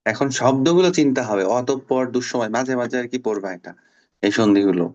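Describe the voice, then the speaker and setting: A male language teacher in an online class, with a mid-pitched voice. He speaks patiently and says words slowly and more than once so the students can follow. The audio is slightly dull and lo-fi. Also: a little mellow. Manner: patient, repeats words slowly to drill pronunciation. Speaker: Bangla teacher.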